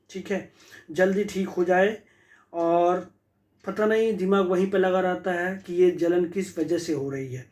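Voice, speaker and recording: A man's voice: high-pitched, a little mellow, low-quality recording. A man presents a patient's case like a teacher. His talk moves back and forth between Hindi and English phrases, full of repeats and fillers as he reasons through each remedy. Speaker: homeopathy doctor.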